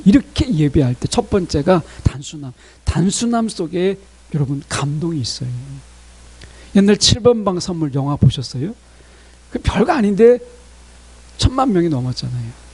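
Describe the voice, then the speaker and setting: A man preaching a sermon as pastor, talking straight to his congregation in an animated way. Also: sits high, creaky, breathy edge.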